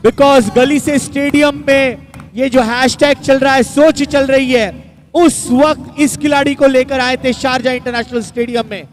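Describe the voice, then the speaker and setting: A man giving live cricket commentary and analysis in showy, drawn-out phrases. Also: extremely high pitch, steady tone, faint music behind.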